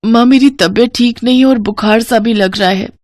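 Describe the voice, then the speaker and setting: A woman's voice: a little high, moderate pace, darkish tone, pitched above the performer's own voice, close to an everyday voice. A woman voicing Simran, a timid young bride. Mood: anxious. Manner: anxious pleading, stammering. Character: timid young new bride, easily frightened.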